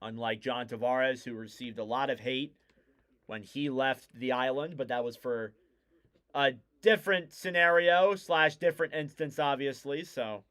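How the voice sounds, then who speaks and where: A man giving casual live play-by-play commentary on a hockey game, getting louder and keener on the big plays. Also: medium pitch, normal speed.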